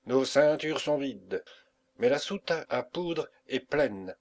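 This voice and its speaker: A man's voice: mid-range voice, animated, slow, pitched above the performer's own voice. A man reading the part of a fiery pirate captain who rouses his crew and barks orders. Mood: rousing speech. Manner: rousing, barking orders.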